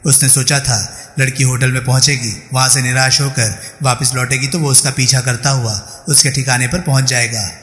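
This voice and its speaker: A man narrating a crime thriller audiobook in a steady storytelling manner. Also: mid-range voice, normal speed, hardly any pauses. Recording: roomy reverberant room, faint music.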